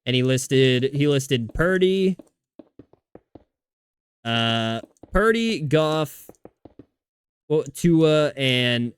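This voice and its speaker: A man's voice: medium pitch, animated, very slow, long pauses, clear, resonant tone, no echo. A man streaming a video game, chatting casually with viewers in a rambling way, swearing often and restarting his sentences. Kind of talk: casual livestream chat while gaming.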